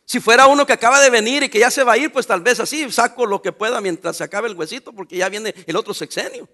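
An older Mexican pastor preaches with a very high, ringing voice and a sharp, forceful edge. He speaks in a Mexican Spanish accent and keeps firing rhetorical questions at the congregation. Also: quick pace. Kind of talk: sermon.

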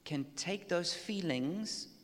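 A man preaching a sermon in short phrases that wait for an interpreter, acting out quoted replies with lively voices. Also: sits high, slow. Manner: animated, acts out quoted replies. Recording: long hall reverb.

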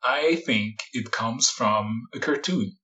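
A man's voice: medium pitch, takes it slowly, pushed and bright, muffled recording. A man who grew up near Paris, a researcher guest speaking thoughtfully with frequent fillers. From France, Paris area. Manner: thoughtful, hesitant, many fillers, laughs lightly. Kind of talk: casual interview talk.

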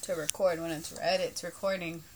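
A woman chatting casually at home, relaxed and giving short replies, recorded on a phone. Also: lowish voice, normal speed. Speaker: podcast co-host. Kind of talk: casual chat.

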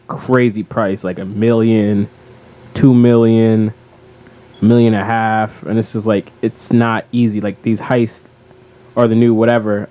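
A man co-hosting a casual gaming podcast, energetic and playful, joking and laughing as he talks. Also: on the low side, lo-fi sound. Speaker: podcast co-host.

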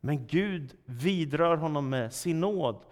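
Male preacher, high voice, emphatic sermon delivery with rhetorical questions, long church-hall reverb. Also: animated. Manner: emphatic, rhetorical questions, dramatic swells in loudness.

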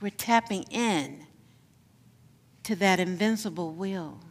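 A woman pastor delivers a sermon at an unhurried pace, repeating each phrase in a soft, affirming way. Her voice carries a long reverb, as if it fills a large sanctuary. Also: on the low side. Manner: slow, repetitive, softly affirming delivery.

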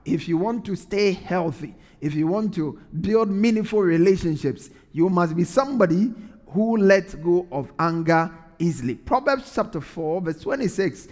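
Man, preacher, high voice, earnest, repeats lines for emphasis, reverberant hall. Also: expressive, moderate pace, darkish tone. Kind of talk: sermon.

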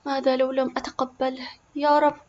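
A woman's voice: medium pitch, very animated, fast, highs cut off. A woman playing a tender young mother. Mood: anxious. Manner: soft, tender. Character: loving young mother, gentle and patient.

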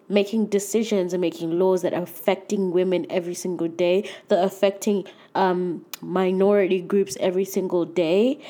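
Her mid-range, dark-toned voice sounds nasal and congested because she has a cold. This young woman hosts her own casual solo podcast, talking in a chatty, earnest way full of fillers.

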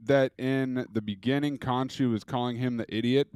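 Man, laid-back podcast talker, asks questions, smooth clear voice, dry close recording. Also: mid-range voice, steady tone, normal speed, a little mellow, no echo. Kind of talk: casual TV discussion.

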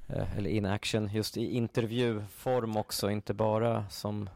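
A man co-hosting a casual podcast, telling stories in a chatty, animated way. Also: lowish voice, vocal fry, crowd noise. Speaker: podcast co-host. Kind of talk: casual chat.

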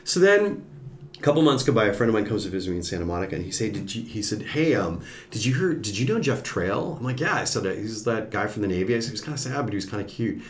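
On a podcast, a former TV executive speaks as a guest in a lowish voice at a quick pace, with a bit of hiss or hum in the recording. He tells his story casually and animatedly, acting out the people he quotes.

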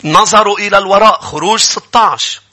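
A man with a Lebanese accent, a pastor delivering an animated sermon and acting out grumbling people. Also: high voice, a little fast.

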